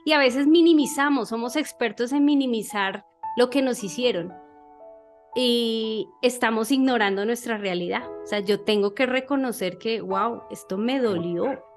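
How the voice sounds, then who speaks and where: A woman's voice: fairly high pitch, normal speed, faint music behind. A woman giving an informal church talk, conversational and checking in with her listeners as she reads and explains scripture. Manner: conversational, checks in with "¿sí?", frequent fillers.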